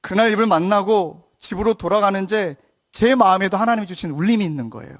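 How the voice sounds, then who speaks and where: A man in his thirties, a pastor, preaching a sermon as a story and dropping to a soft hushed voice when he quotes others. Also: high-pitched, quick pace.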